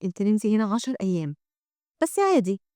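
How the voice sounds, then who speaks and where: A woman's voice: medium pitch, very animated, quick pace, mellow, no echo, clean studio sound, close to an everyday voice. A woman with an Egyptian Arabic accent voicing a caring, fussy young woman guardian, reading her lines in a doting way.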